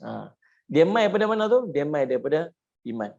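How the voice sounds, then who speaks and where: High-voiced preacher, gravelly. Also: male voice, big pitch swings, a little fast, darkish tone. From Malaysia. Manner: humorous, asks the audience questions. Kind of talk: religious lecture. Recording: muffled lo-fi lecture recording.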